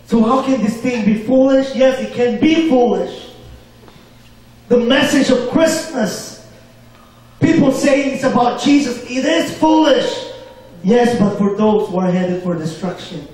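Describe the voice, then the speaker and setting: Male preacher, high voice, call-and-response delivery, booming church echo, distant mic. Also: unhurried, a little mellow. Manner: call-and-response, asks for amens. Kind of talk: sermon. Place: church hall. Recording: very echoey hall, mic far off.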